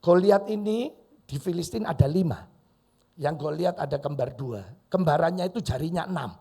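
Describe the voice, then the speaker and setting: A middle-aged man preaching a lively sermon as pastor, with sudden loud bursts and voiced quotes. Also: a little high, moderate pace, creaky, slightly rough. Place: church hall.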